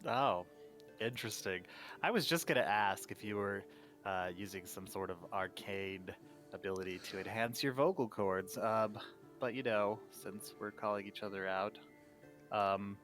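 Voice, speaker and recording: A man's voice: lowish voice, normal speed, fairly bright tone, soft background music. A man playing a tabletop game as a wizard player, talking in wry, sarcastic banter. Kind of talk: casual tabletop play.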